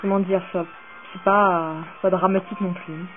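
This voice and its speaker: A woman with a lowish voice plays a video game at a moderate pace, chatting casually, swearing, and getting more worked up as she rambles excitedly. The audio is tinny and phone-like, with faint music underneath.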